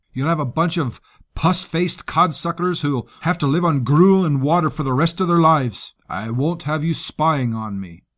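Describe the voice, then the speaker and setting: A man's voice: fairly high pitch, a bit bright, pitched above the performer's own voice. A man voicing a brash, scarred male military commander with a harsh, taunting manner.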